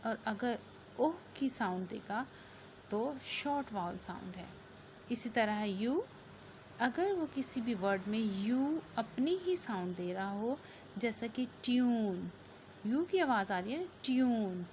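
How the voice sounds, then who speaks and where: A woman's voice: fairly high pitch, a little mellow. A woman teacher giving a phonics lesson to students, switching between English and Hindi and stretching out each vowel sound. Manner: slow, drawn-out word-by-word teaching. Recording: faint background noise.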